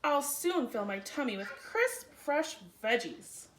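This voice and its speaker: Woman voicing Mister McGreely, animated, boastful gardener man. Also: high-pitched, slow, slight background noise, exaggerated voice. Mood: eager. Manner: emphatic, huffy, exclaiming. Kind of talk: storybook character voice. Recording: roomy, echoey room sound.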